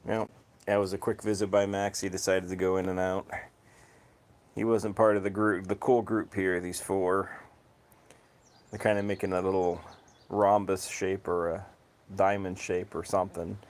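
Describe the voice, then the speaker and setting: Laid-back low-voiced man chatting to viewers. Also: moderate pace, long pauses. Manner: relaxed, chatting to viewers, says his voice is monotone. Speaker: livestream host. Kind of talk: casual livestream chat. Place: home, cats outdoors.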